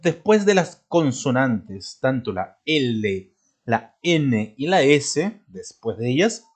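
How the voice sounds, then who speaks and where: Guy teaching a spelling class, keeps asking "right?", clears his throat a lot. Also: mid-range voice, very animated. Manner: checks in constantly with "¿de acuerdo?" and "¿no?"; stresses and drills each example word slowly. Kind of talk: spoken spelling lesson.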